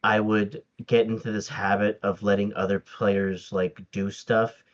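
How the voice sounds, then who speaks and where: A man with a fairly low pitch and flat delivery talks a little slowly; the highs are cut off. His first language is Tagalog, and he's chatting casually as a podcast guest in an interview. His speech is hesitant, full of fillers and restarts, with frequent laughs.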